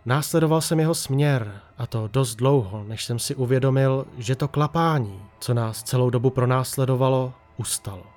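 A man's voice: mid-range voice, darkish tone. Man narrating a tense horror story.

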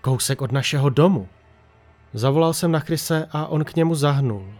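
A man narrating a horror story in a tense, hushed storytelling manner. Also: fairly high pitch, faint music behind.

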